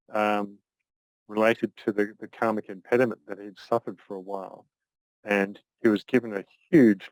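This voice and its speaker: An older man teaching an online class, speaking thoughtfully with frequent pauses and restarts. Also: on the low side, dry recording, low-quality recording. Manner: thoughtful, halting, many restarts. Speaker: astrology teacher.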